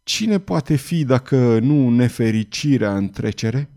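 A man voicing a grieving former executioner who speaks in a sorrowful, sighing, low way, in an audiobook reading. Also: animated, warm tone, lightly acted. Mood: wary. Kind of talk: audiobook character voice.

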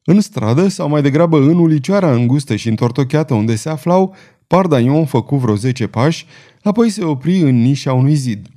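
A man narrating an audiobook in a steady, measured way. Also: on the high side.

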